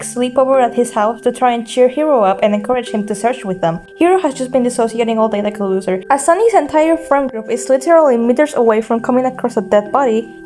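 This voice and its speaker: A woman with a slightly high, mellow voice narrates a fan story in a casual recorded voice-over. Her delivery is wry and offhand, and she drops jokes in a deadpan way. Soft music plays faintly underneath. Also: rough recording. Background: soft game soundtrack music.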